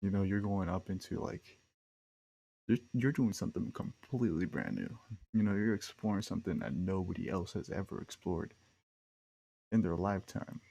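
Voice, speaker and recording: A man's voice: low-pitched, normal speed, vocal fry, dark tone, husky. A young man hosting a podcast, telling rambling stories in a casual, slangy way with lots of fillers. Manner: rambling, slangy, laid-back with frequent fillers. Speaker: podcast host. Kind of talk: casual storytelling monologue.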